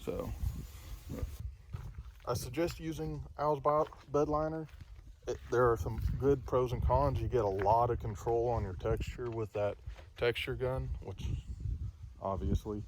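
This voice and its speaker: A man's voice: medium pitch, fairly even intonation, a little slow, long pauses, darkish tone, a little hiss or hum. A man filming a casual how-to vlog outdoors by his truck, rambling and correcting himself as he talks plainly about the job. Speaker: vlogger.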